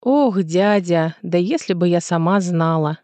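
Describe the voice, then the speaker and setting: A woman's voice: lowish voice, measured pace, warm tone, no room sound, lightly acted. A woman reading a flustered young woman lost. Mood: bewildered. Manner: flustered, bewildered. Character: frightened young woman lost in another world. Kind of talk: audiobook character voice.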